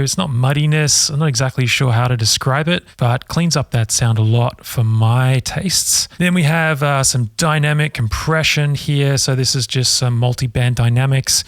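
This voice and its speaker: Man, casual production tutor, gravelly voice, dry close mic. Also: mid-range voice, dry recording. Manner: relaxed, chatty, self-deprecating. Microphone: studio microphone.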